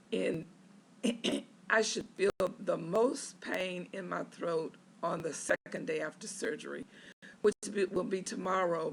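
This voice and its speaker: After neck surgery, a patient records a casual video diary update from a hospital bed in a hoarse, raspy voice thick with gravelly fry. Speech is very slow, halting and full of filler pauses, mid-range and fairly bright, with slight background noise.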